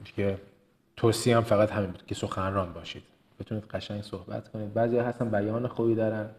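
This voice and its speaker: A fairly low-pitched, darkish voice belongs to a trainer from Kerman, Iran, giving a motivational business lesson. He carries a slight Kermani Persian accent and speaks forcefully, repeating words for stress and firing off quick lists.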